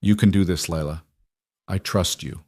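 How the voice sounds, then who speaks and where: A man's voice: low-pitched, moderate pace, a little mellow, husky, dry recording, studio quality. A man voicing a terse wounded mountain man. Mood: weak. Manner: terse, strained through pain. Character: gruff wounded middle-aged male mountain hermit.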